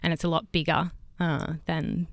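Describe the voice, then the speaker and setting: A woman's voice: low voice, little pitch movement, normal speed, creaky, dry recording. A young woman, explaining science informally as an interview guest. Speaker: guest scientist, PhD candidate and fellow show host. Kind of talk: spontaneous explanatory interview talk.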